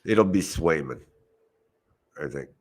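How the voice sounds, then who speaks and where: A man's voice: extremely low pitch, lively intonation, slow, slightly rough. A man co-hosting a hockey podcast, giving blunt, dry opinions in casual chat. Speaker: podcast co-host.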